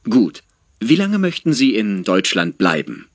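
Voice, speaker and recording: An actor playing an interviewer in a scripted language exam dialogue, asking questions with lively intonation. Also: male voice, lowish voice, unhurried, no room sound, studio quality, full character voice. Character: adult male radio-style interviewer.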